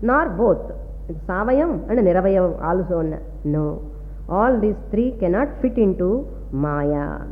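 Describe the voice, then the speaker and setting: Speaking slowly and expressively in a somewhat low voice, a woman with a South Indian Tamil accent teaches Vedanta in a lecture that mixes two languages. She repeats key phrases and checks that listeners understand. A tinny, phone-like quality, long reverb, and a faint hum color the recording.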